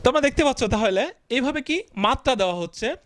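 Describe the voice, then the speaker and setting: High, lively male teacher, slow-paced. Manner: asks the class questions and answers them himself; stretches out syllables slowly while writing. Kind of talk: blackboard grammar lesson.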